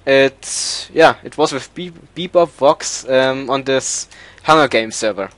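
Soft-spoken German man, slow and halting. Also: mid-range voice, no echo. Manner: halting, searching for words in English. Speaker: server owner and let's-play host. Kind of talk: casual multiplayer gaming chat.

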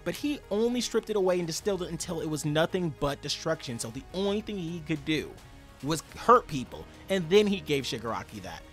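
A man hosting a casual manga chapter review, chatty and animated, often calling his viewers y'all. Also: fairly high pitch, a little fast, faint music behind. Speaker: manga review channel host.

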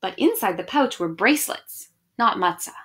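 This woman's mid-range, fairly bright voice stays animated at a moderate pace as she reads children's books and chats with young viewers. She's an education director running an online storytime from a small room in her home.

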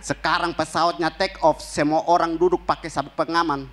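A young man from Kupang performing a stand-up comedy routine on a TV studio stage, punchy and animated, with sound effects. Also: a little high, fairly quick. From Kupang, Indonesia. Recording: noisy stage ambience.

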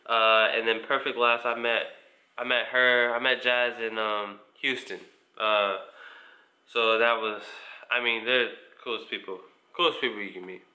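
A man of around twenty with an American accent, mostly from Indiana, answers viewer questions to camera in a laid-back, informal chat. His mid-range voice moves little in pitch, comes at normal speed and sounds pushed and bright. He's indoors in a small living room at home.

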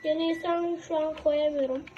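A woman chatting excitedly to herself as she plays a computer game, narrating her moves and reacting out loud. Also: high-pitched, moderate pace, over music. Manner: chatty, excitable, talking to herself while playing. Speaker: gaming video creator. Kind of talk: casual gameplay commentary. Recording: dull lo-fi with faint noise.

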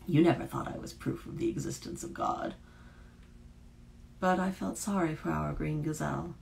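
A woman reading the part of a fierce, bitter young Huldra woman, often dropping to a hush. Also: low-pitched, normal speed, creaky, a little hiss or hum. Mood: wry, bitter.

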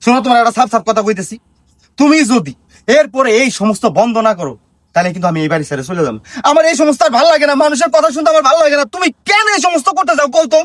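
Brief: high, fast-talking exasperated son, played by a man, lecturing and scolding, dry sound. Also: lively intonation, no room sound. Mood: angry. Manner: exasperated, lecturing, rising to shouts. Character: exasperated grown son, scolding his gossiping mother. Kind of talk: comedy skit acting.

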